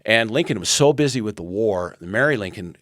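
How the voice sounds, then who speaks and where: An American man in his sixties appears as a podcast guest, earnestly retelling a historical story and quoting the people involved. His voice sits on the low side, animated and slightly bright, and he talks a little fast. The recording is dry and of studio quality.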